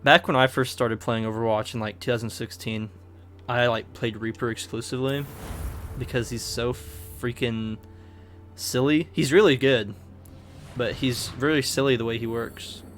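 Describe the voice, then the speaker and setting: A man's voice: medium pitch, steady tone, normal speed, a bit bright, faint music behind. A man streaming a video game, talking in a laid-back, joking way and chatting with viewers. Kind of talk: casual gameplay commentary.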